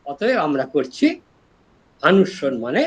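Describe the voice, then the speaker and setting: An older man from East Bengal with an East Bengali accent, a retired professor giving a scholarly lecture and explaining word origins slowly, step by step. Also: on the high side, breathy edge, poor audio. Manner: explains slowly and step by step, lively rises and drops in voice.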